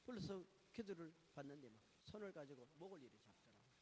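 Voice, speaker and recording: Man preaching testimony, high voice, very lively pitch, loud bursts then hushed asides, faint hiss. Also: fast talker. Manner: swings from loud exclamations to low, hushed asides; emphatic, asks questions and answers them himself. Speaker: guest pastor giving a testimony. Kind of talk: testimony sermon. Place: church meeting hall.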